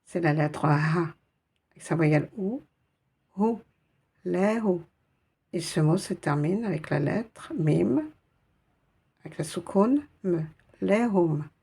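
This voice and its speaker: A woman's voice: fairly low pitch, slow, creaky, pauses often, mellow, husky. A woman teaching Arabic reading in a patient, encouraging way, naming each letter and sound one by one. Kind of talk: slow step-by-step reading lesson.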